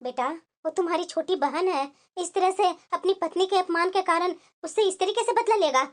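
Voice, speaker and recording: A woman voicing an elderly mother who softly pleads with her son in a cartoon family drama. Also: extremely high pitch, moderate pace. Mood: pleading. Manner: soft, pleading. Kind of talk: cartoon voice acting.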